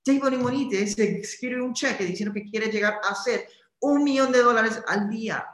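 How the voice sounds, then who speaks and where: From his office, a man runs a live-streamed motivational training, walking the audience through a guided visualization and adding a brief question to nearly each line. He sounds very high-pitched and fairly bright, and the room is reverberant.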